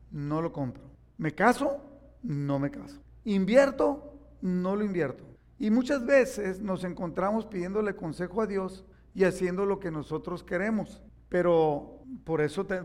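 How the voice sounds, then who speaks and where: High-voiced pastor preaching with animated storytelling. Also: male voice. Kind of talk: sermon.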